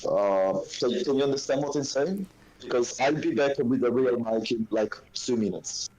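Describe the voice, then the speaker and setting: A man chatting casually on a streaming panel through a muffled, crackling phone mic that sounds underwater, speaking haltingly with fillers. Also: medium pitch, darkish tone. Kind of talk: casual chat.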